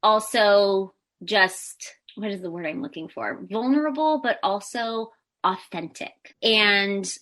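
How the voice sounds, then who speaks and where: An American Pilates teacher joins a podcast as a guest for a casual interview chat. She has a bright, high-pitched voice and speaks slowly, candid and self-deprecating, often breaking into laughter.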